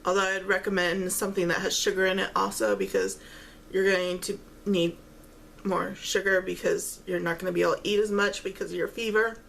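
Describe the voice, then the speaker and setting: A woman chatting casually while eating, chewing as she talks and pausing often between phrases. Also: mid-range voice, fairly even intonation, vocal fry, fairly bright tone, slight background noise, rough recording. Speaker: vlogger eating on camera while talking. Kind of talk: casual mukbang-style chat.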